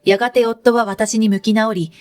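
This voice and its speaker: A woman narrating a first-person story in a calm, measured read-aloud style. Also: a little high.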